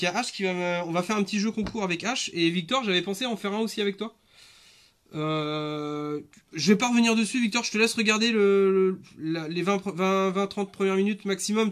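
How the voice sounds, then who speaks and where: Chatty, high-voiced man hosting a live stream. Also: a bit bright. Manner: chatty, rambling with many fillers and restarts. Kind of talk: casual live stream chat.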